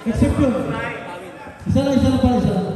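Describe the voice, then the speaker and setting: Courtside caller, higher voice, booming echo in a big gym over the crowd. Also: male voice. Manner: calls names and passes in quick bursts, joking with players. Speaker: courtside announcer for a community basketball game. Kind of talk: live play-by-play commentary. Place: large indoor gym. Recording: echoey gym PA from far off, crowd noise. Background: crowd chatter and ball bounces.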